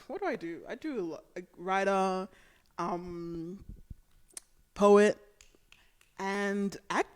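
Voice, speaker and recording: A woman's voice: mid-range voice, slow, long pauses, clear, resonant tone. A woman hosting a livestream discussion in a casual, chatty style. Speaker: livestream host. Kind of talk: casual chat.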